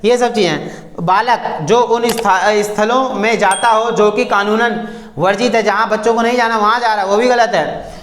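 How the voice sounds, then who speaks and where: A man's voice: high voice, steady tone, normal speed, fairly bright tone. A male teacher explaining a textbook lesson. He reads lines from the book, restates them in plain words and gives students firm, direct advice. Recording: echoey room.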